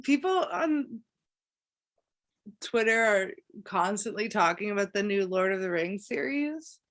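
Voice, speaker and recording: Woman hosting a podcast, slow easy talker, laughs a lot, voice bounces around. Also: mid-range voice, animated, fairly bright tone. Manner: laughs often, unhurried. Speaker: podcast host. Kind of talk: casual chat.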